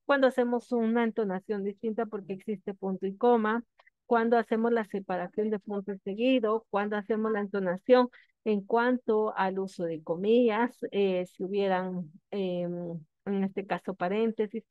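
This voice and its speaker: A woman's voice: mid-range voice, steady tone, normal speed, no room sound. A woman teacher giving a lesson to her students, explaining steps patiently and often checking that they follow. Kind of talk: classroom lecture. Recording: dry, tinny phone-like sound.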